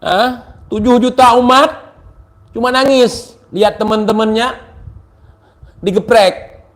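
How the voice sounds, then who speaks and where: A man giving a mocking, taunting political rant, sarcastic and repetitive, at times rising to shouts. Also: very high-pitched, steady tone, takes it slowly. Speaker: political commentator.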